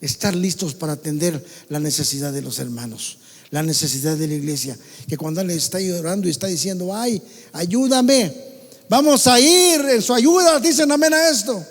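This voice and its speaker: A man with a Mexican Spanish accent preaching a sermon to his congregation, swinging between loud calls and soft asides. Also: high-pitched, long reverb tail. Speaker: pastor. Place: church hall.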